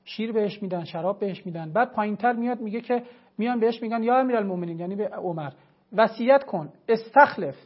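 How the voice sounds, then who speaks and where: Religious scholar type, man, argues hard and emphatically; muffled, low-fidelity broadcast sound. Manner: emphatic, argumentative, cites sources. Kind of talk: televised religious lecture.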